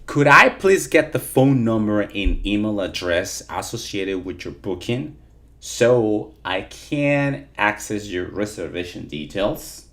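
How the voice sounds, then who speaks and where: A man plays a courteous hotel call-centre agent in a low-pitched customer service voice. The delivery is formal and scripted, as in a training role-play. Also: expressive, slow pace, a bit bright, full character voice.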